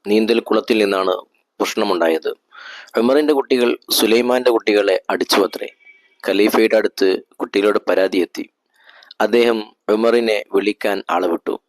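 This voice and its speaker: A man tells a historical story in a measured, steady way. His voice is fairly low, and the recording is dry and close, with no room sound. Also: no echo, rough recording. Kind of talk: scripted narration of a historical story.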